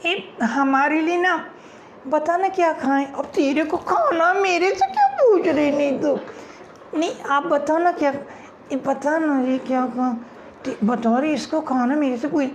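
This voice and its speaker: Young women, giggly, gossipy, high-pitched, quick chatter, stand-up mimicry, faint noise. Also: male voice, expressive, heavily acted. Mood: bickering. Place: comedy stage before a live audience.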